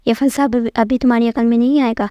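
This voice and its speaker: A woman's voice: on the high side, steady tone, no echo, lo-fi sound, lightly acted. A woman voicing a bearded old male dwarf sage who lectures and scolds in proverbs, read as part of a storybook tale. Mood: lecturing. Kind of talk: storytelling narration.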